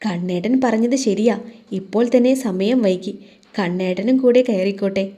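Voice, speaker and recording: A woman's voice: medium pitch, normal speed, dark tone, natural voice. A woman voicing a shy, flustered young bride in a romantic audio story. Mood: coy.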